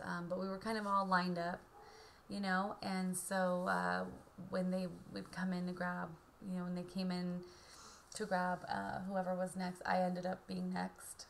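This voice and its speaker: A woman in her thirties talking casually and haltingly in a subdued way, as in a video diary recorded at home on a webcam. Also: fairly low pitch, gravelly, slight background noise. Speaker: vlogger. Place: indoor room at home. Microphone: webcam or laptop mic at arm's length.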